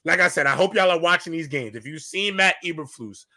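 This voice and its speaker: A man's voice: a little high, lively intonation, brisk, sharp tone. A man hosting a heated, casual sports debate, speaking emphatically and repeating phrases to hold the floor. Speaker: sports talk show host moderating a panel.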